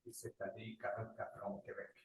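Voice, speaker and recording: Man from Angola, mid-pitched, lively group testimony, picked up far off in a reverberant room. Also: brisk. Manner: vivid storytelling with sound effects and sudden pitch jumps. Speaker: participant sharing a story. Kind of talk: animated personal testimony. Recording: roomy, distant, faint noise.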